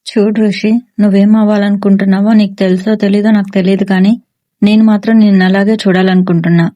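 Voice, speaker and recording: A woman voicing a stern, middle-aged police officer father who scolds and shouts orders at his son, in a storybook reading. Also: on the high side, fairly even intonation, fast talker, close to an everyday voice. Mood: coaxing.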